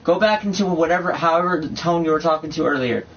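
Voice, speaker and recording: A man's voice: fairly high pitch, quick pace, fairly bright tone. A young man vlogging, brash and bossy, slangy, swearing and calling people bro. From USA. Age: young adult. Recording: dull lo-fi mic with faint noise.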